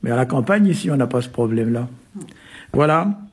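A man from Brittany explaining word meanings in a relaxed, hesitant way, full of little fillers and chuckles. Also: medium pitch, a little fast, breathy edge. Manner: hesitant, many "euh" and "hein" fillers, chuckles often. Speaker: Breton language expert on a radio show. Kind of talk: casual explanatory chat.

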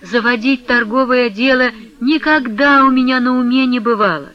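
A man voicing a timid, reluctant young man who speaks quietly with deep sighs, in a radio reading. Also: normal speed, dull audio. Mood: protesting. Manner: quiet, sighing, half-whispered.

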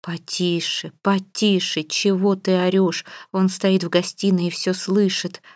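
A woman's voice: on the low side, little pitch movement, a little slow, no echo, clean studio sound, natural voice. A woman reading an audiobook, voicing a stern, fussy middle-aged mother who scolds and gives orders. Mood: exasperated. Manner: scolding, bossy. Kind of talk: audiobook character voice.

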